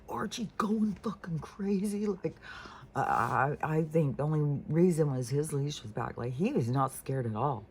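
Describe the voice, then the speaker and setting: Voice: medium pitch, darkish tone, slight background noise. A vlogger telling a story in a casual, profane, rambling way while venting.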